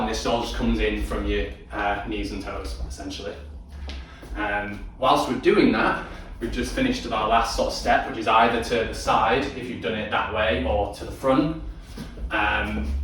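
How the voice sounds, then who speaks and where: A man's voice: on the low side, fairly bright tone, slight background noise. A man teaching a dance tutorial, counting out beats, singing cues and chatting encouragingly with many ums. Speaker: dance instructor. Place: dance studio. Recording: very echoey studio from far off.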